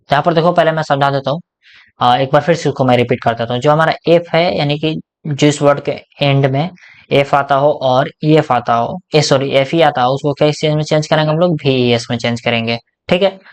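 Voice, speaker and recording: A man with a Hindi accent teaching an English grammar lesson in a casual explanatory way, asking questions and answering them himself. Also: mid-range voice. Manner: asks questions and answers them himself, repeats "ठीक ना?" often.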